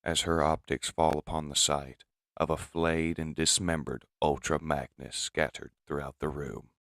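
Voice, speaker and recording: A man narrating a comic dub in steady, descriptive storytelling. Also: extremely low pitch, unhurried, gravelly, no room sound, clean studio sound.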